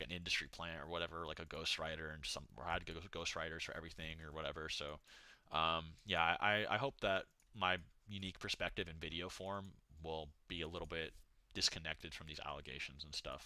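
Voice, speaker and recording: A man's voice: sits low, pushed and bright, no room sound. A man livestreaming in a casual, laid-back way, rambling through slangy, profane chat and replies to donations. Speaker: livestreamer reading donation messages.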